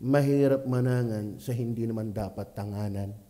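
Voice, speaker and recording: A man with a Batangas accent, a pastor preaching at a church prayer meeting, swinging from quiet asides to loud exclamations. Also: mid-range voice, moderate pace. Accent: Filipino, Batangas.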